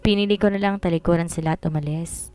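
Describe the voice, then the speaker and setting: A woman's voice: lowish voice, fairly even intonation, fast talker, dark tone, clean tone, faint music behind. A woman narrating a first-person drama story in an earnest, emotional way.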